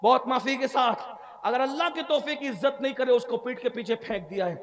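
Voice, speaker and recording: A man's voice: very high voice, fairly bright tone. A man giving an impassioned, tearful sermon as an Islamic preacher at a religious gathering.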